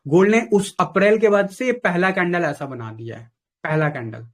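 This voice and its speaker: A man's voice: sits high, normal speed. A man talking as a trading mentor with a caller, casual and blunt, dropping in phrases. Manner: blunt, advising, mixes in English phrases. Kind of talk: casual live chat with a caller.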